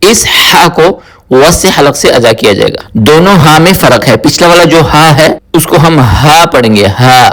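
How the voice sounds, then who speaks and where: A man teaching tajweed word by word, slowly explaining rules and repeating each word several times in a chanted recitation. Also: mid-range voice, fairly bright tone. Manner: spoken explanation alternating with melodic chanted recitation. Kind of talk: word-by-word tajweed pronunciation lesson.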